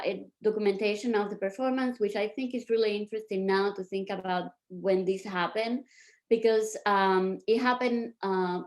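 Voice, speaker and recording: A woman from Cuba presenting her performance art on a video call, speaking in a measured, reflective way with pauses. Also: medium pitch. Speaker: performance artist.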